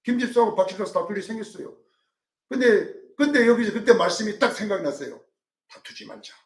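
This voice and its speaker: A male pastor preaching a sermon, dramatic, swinging from loud calls to hushed asides and acting out quotes. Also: sits high, lively intonation, quick pace, recorded from a distance. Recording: roomy sound from off-mic.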